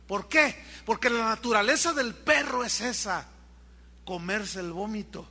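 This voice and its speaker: A man's voice: sits high, a little slow, sharp tone. A male pastor preaching a sermon, telling stories animatedly and addressing the congregation directly.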